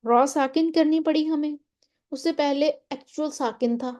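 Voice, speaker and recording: Soft-voiced woman teaching a recitation lesson. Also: high-pitched. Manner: explains step by step, often checking in with "theek hai?"; draws out Quranic example words slowly. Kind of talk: tajweed lesson explanation.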